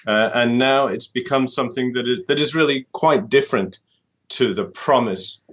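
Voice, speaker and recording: A man's voice: medium pitch, normal speed. A man from the UK, an author giving an interview and reasoning things through, often repeating words as he thinks. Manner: thoughtful, restarts and repeats words while reasoning. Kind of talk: conversational interview.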